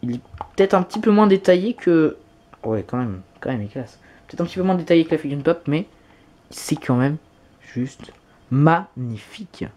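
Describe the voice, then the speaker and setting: A man's voice: a little high, lively intonation, normal speed, a little mellow. Gushing man unboxing on camera. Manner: enthusiastic, gushing with frequent exclamations. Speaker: YouTuber. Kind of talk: unboxing vlog.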